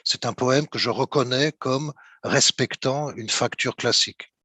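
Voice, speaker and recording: A man's voice: mid-range voice, unhurried, noisy background. A man moderating an academic seminar, thinking aloud with frequent restarts. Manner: restarts and repeats words. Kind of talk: academic discussion.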